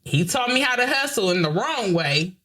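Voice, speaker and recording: A woman's voice: mid-range voice, sing-song, moderate pace, fairly bright tone. A woman co-hosting a podcast, telling a personal family story in a candid, emotional way with many restarts and the odd swear word. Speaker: podcast co-host.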